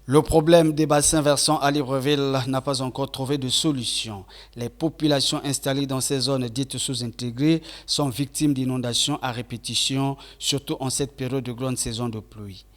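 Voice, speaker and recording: A male reporter reading a scripted television news voice-over in a formal, measured way. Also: mid-range voice, steady tone.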